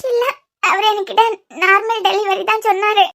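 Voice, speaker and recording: A woman's voice: very high-pitched, little pitch movement, normal speed, a bit bright. Woman voicing a frightened pregnant young woman in labor. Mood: scared pleading. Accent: Kanyakumari Tamil. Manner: pleading, fearful.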